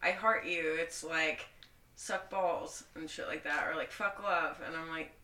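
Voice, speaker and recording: Woman podcaster just chatting, bright forceful voice, swears a lot, sardonic, bit far from mic in echoey room. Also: low-pitched, unhurried. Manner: blunt, heavily swearing. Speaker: podcast co-host. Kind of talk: casual chat. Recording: roomy echo, slightly distant mic.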